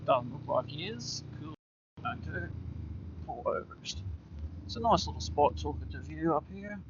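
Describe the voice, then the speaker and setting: Casual Australian rider, slightly high voice, heard through a muffled helmet mic over loud wind and engine roar. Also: male voice, expressive, moderate pace. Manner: laid-back, swears casually, talks to himself while riding. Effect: voice picked up by a helmet-mounted mic while riding. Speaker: motorbike vlogger. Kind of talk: casual riding commentary. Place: outdoors on a motorbike on rural roads.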